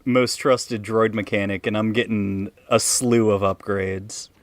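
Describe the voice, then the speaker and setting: A man's voice: on the low side, little pitch movement, unhurried, no echo. A man playing a tabletop game, brash and profane, joking around. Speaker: player.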